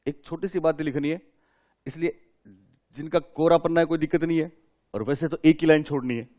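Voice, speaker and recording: A man teaches a class in a fairly high voice. He keeps putting questions to his students and repeats each key term several times so they can write it down. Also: steady tone, brisk, darkish tone. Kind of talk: classroom lecture.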